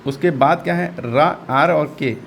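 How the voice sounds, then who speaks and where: A man's voice: fairly high pitch, a little slow, gravelly, a bit bright, a little hiss or hum. A man teaching English reading, patiently repeating each sound and quizzing his learner step by step. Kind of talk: step-by-step phonics lesson.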